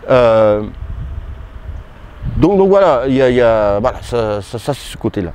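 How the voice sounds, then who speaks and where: A man giving casual, halting boxing commentary straight to his viewers, as if chatting with a friend. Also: fairly low pitch, steady tone, a little mellow, slight background noise. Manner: hesitant, halting, talks to viewers as "tu". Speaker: boxing YouTuber.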